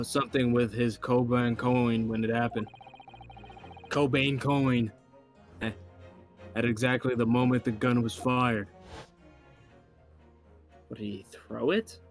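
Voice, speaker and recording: A man with a middling pitch chats casually through a game. He jokes and swears as he comments, with faint music behind. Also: little pitch movement, normal speed, pauses often.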